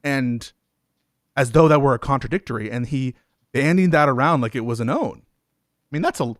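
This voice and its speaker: This debate host is argumentative, interrupting again and again with "wait" as the exchange heats up. He speaks in a mid-range voice at a moderate pace, with studio-quality sound and no room sound.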